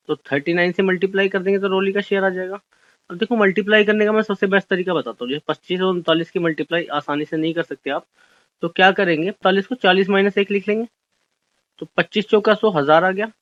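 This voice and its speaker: Young male maths tutor, high-pitched, explains step by step and answers his own questions, dry close recording. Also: fairly bright tone, no room sound. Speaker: maths teacher. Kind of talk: exam-solution maths lesson. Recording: dry, dull lo-fi audio.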